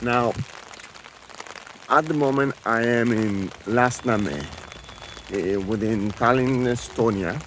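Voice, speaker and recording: A man's voice: medium pitch, slow pace, long pauses. A man raised in Venezuela chatting casually as a travel vlogger, rambling with many fillers and restarts, filming himself outdoors on a handheld camera under an umbrella. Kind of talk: casual walking vlog. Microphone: handheld camera held close. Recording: rain noise on outdoor camera mic. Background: rain falling.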